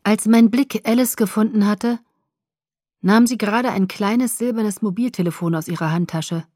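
A woman narrates a first-person story in a measured, even voice at a middle pitch. The recording is close and dry, with no room echo. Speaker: audiobook narrator.

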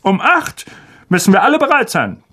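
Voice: mid-range voice, huge pitch swings, moderate pace, pushed and bright, breathy edge, exaggerated voice. A reader playing a pompous, self-important uncle who orders his family around. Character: pompous, bossy middle-aged uncle.

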